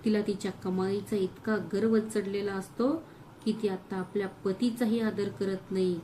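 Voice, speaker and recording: A woman voicing a scornful, bitter older mother-in-law in an audio story, shrill and accusing. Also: fairly even intonation, a little slow, dark tone, slight background noise, close to an everyday voice, low-quality recording. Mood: outraged.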